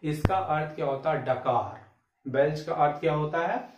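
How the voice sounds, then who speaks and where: A man teaching English vocabulary in Hindi, asking "clear?" after each point and spelling words out letter by letter. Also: fairly high pitch, normal speed, recorded from a distance, noisy background. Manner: repetitive quizzing, asks "clear?" often; spells words letter by letter, drawls example sentences. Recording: echoey room, away from the mic.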